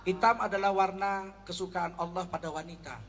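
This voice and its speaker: A man from North Sumatra giving a humorous Islamic lecture, animated and acting out everyday quarrels. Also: sits high, a little fast, big-room sound. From North Sumatra, Indonesia. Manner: animated, acts out quarrels in a raised voice. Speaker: Islamic preacher.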